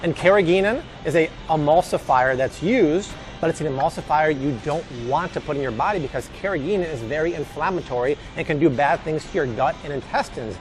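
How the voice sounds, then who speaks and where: A man's voice: fairly high pitch, brisk, few pauses, slight background noise. Chatty man hosting a shopping vlog. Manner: chatty, emphatic, jokey asides. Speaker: host. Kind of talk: casual grocery shopping advice vlog.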